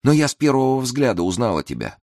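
A man's voice: mid-range voice, big pitch swings, quick pace, vocal fry, a little mellow, no echo, studio quality, voice pushed up. A man voicing a ragged, grieving mother who pleads tearfully with her son in a storybook tale. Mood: pleading.

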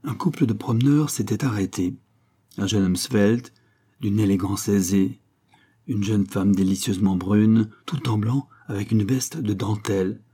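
Male narrator for a short story, low and husky, measured dramatic delivery. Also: warm tone.

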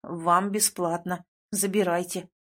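Woman reading as a male beast seller, wary, slow, grave, slightly lowered voice, audiobook. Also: little pitch movement, a bit bright. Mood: warning.

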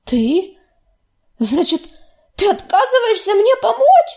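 A woman voicing a young female warrior cat from a storybook, hot-headed and stubborn, talking shrill and loud. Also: very animated, slow, full character voice. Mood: angry hurt.

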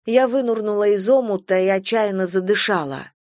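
A woman's voice: mid-range voice, moderate pace, a little mellow, dry recording, clean studio sound. A woman narrating a story in a wry, ironic way.

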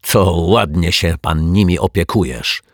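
A man's voice: low-pitched, unhurried, no room sound, clean studio sound. A man reading an audiobook, voicing a surly, bullying middle-aged male detective who growls and snaps at people. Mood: grumbling. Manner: growling, rude. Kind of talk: audiobook character voice.

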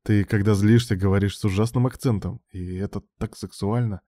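Man voicing a calm teasing lover. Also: fairly low pitch, a little fast, no room sound, clean studio sound, lightly acted.

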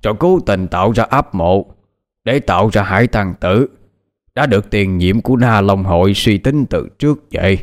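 A man's voice: on the low side, lively intonation, normal speed, lightly acted. A man voicing a gloating, cruel middle-aged villain of a martial sect who mocks his captives in an audiobook story. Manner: mocking, laughing, self-satisfied.

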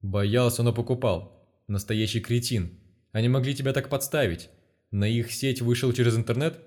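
A man's voice: medium pitch, steady tone, moderate pace, darkish tone, close to an everyday voice. A man voicing a stern, commanding male investigator in an audiobook, blunt and contemptuous. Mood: lecturing. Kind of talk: audiobook character reading.

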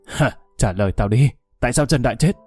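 A man's voice: medium pitch, lively intonation, brisk, darkish tone, slightly rough, no room sound, faint music behind. A man voicing a grief-stricken young man who turns violently enraged, in a read-aloud story. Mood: raging.

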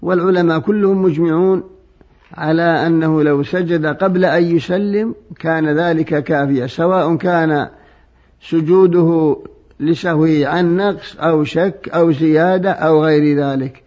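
A man with a fairly high voice gives religious rulings as a scholar, in mostly formal Arabic with colloquial touches. His manner is didactic and orderly, and the old recording is dull and muffled. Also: steady tone, moderate pace, darkish tone. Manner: didactic, explaining step by step with examples. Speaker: religious scholar answering listeners' questions.

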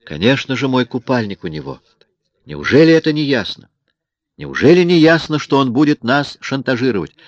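A resentful young woman in a tight spot, sharp and reproachful, as a man reading the story puts her on. She sounds close and dry on a dull, lo-fi recording. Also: mid-range voice, sing-song, moderate pace, dry recording, pitched above the performer's own voice, lightly acted. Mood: angry. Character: angry, selfish young woman in trouble.

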